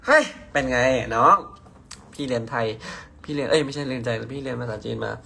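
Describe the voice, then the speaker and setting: A man's voice: medium pitch, fairly even intonation, fast talker, vocal fry, pushed and bright, a little hiss or hum. A young man from hosts a casual phone live stream. He reads out viewer comments in a playful, teasing way and swears casually. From Nakhon Si Thammarat, southern Thailand.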